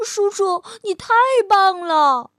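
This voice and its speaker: Crybaby baby dinosaur for a picture book: tiny, sweet, tearful, read by a woman, high and unhurried. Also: fairly bright tone, no echo, studio quality, exaggerated voice. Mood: delighted. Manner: childlike, eager, easily tearful. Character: small weepy baby spinosaurus child, sweet. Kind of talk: children's storybook reading.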